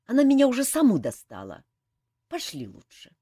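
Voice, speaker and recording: A woman's voice: a little high, huge pitch swings, normal speed, warm tone, breathy edge, no echo, clean studio sound, voice pushed up, full character voice. A woman reading an audiobook, voicing a blunt, offhand young woman.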